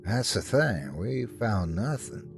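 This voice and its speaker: A narrator, a man, acts out an older male pest exterminator in a scary story. He is blunt and matter-of-fact but careful with what he says. His lowish voice rises and falls noticeably. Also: very animated, takes it slowly, creaky, faint music behind, full character voice. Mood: dismissive. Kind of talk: acted dialogue in a narrated horror story.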